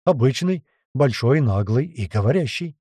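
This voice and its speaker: A man voicing a gruff male squad leader who barks orders at his fighters. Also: medium pitch, expressive, moderate pace, dark tone, dry recording, clean studio sound. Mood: amused. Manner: barking orders.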